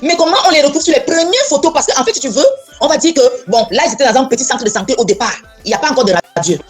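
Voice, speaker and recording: A woman's voice: sits high, lively intonation, rapid-fire, husky, soft background music. A woman in a casual chat, blunt and insistent, often repeating herself. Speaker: co-host.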